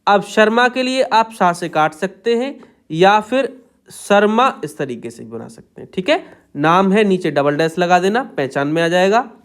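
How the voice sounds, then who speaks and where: A man teaching shorthand, dictating words slowly and repeating set phrases as he writes each one out. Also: high voice, lively intonation, smooth. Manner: slow, drawn-out dictation of words. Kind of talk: step-by-step tutorial.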